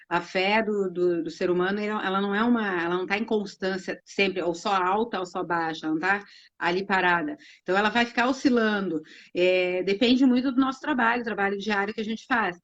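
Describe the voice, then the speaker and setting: A woman co-hosting a live religious talk, speaking reflectively with many fillers and restarts. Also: medium pitch. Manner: reflective, many fillers and restarts, retells hadith with acted quotes. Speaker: co-host of Islamic live talk. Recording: muffled live-stream audio.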